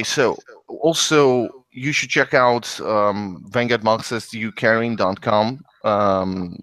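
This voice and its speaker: A man hosting a casual political podcast. He reads out announcements and chats in a halting way, with many ums and restarts. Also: fairly low pitch, fairly bright tone, dry recording. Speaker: podcast host.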